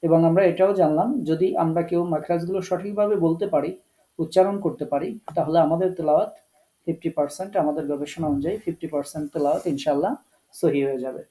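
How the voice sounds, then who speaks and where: With a dark tone and a voice pitched on the high side, a man with a Bangladeshi Bengali accent leads an online Quran recitation class over a rough recording. He explains earnestly, with pauses and some English words mixed in.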